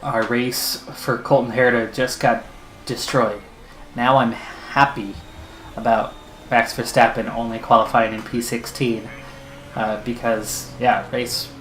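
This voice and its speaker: A man's voice: medium pitch, flat delivery, a little slow, fairly bright tone. A man with an ordinary mid-range voice talks through his racing management game, fretting and pleading over lap times. The recording has a roomy echo and a faint hiss. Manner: anxious, pleading running commentary. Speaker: gaming channel host. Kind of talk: let's-play commentary.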